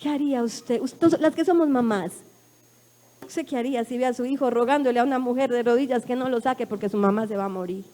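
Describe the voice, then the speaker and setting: Una mujer colombiana con acento colombiano que da su testimonio en una prédica, narrando con emoción y pasando de susurros a exclamaciones. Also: female voice, on the high side, quick pace. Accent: Colombian Spanish. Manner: emotional, dramatic storytelling with swings from hushed to loud. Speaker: preacher giving testimony. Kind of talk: sermon testimony. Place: church.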